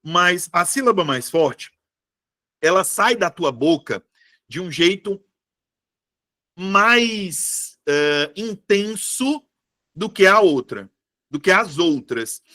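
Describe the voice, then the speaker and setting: A man's voice: high voice, animated, slow pace, sharp tone. A male teacher, giving a casual live online class and checking in with his students all the time. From Brazil. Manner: chatty, asks students constant checking questions. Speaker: Portuguese teacher for civil service exam prep.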